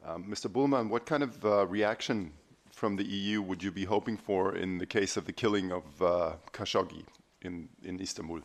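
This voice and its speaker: A man's voice: low voice, moderate pace. A man, a journalist putting a question at a press conference.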